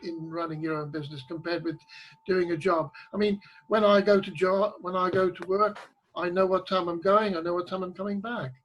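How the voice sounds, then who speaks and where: A man's voice: high voice, little pitch movement, a little fast, muffled recording, a little hiss or hum. A man interviewing a business owner, stammering and repeating words as he works out his questions.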